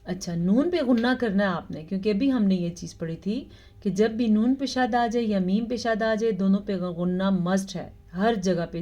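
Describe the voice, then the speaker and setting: A woman teaching Quran recitation, explaining pronunciation rules and reciting verses very slowly with drawn-out sounds. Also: mid-range voice, dark tone. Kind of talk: tajweed lesson with slow recitation.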